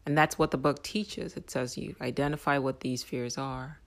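A vlogger giving an intense spiritual monologue with casual swearing, often dropping into soft whispers. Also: medium pitch, fairly even intonation, normal speed. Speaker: self-help vlogger.

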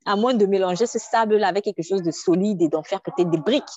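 A woman's voice: mid-range voice, fast talker, darkish tone, no echo, dull audio. A woman preaching a sermon, emphatic, with rhetorical questions and repetition, sometimes dropping to a near whisper.

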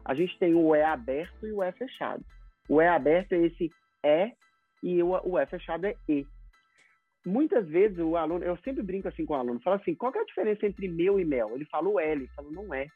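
A man's voice: on the high side, animated, fast talker, breathy edge, no room sound, faint music behind. A Brazilian man teaching English pronunciation in an interview, explaining with acted-out example dialogues. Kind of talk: casual interview talk. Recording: tinny phone-like sound.

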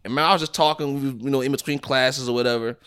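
A young man co-hosting a podcast, telling stories in an excitable, laughing way. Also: mid-range voice, fast, a little hiss or hum. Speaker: podcast co-host. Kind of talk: casual chat.

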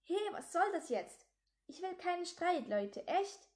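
A woman's voice: extremely high pitch, sing-song, measured pace, a little mellow, voice pushed up, exaggerated voice. A woman voicing a nervous young boy who pleads and stammers in a storybook reading. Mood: pleading.

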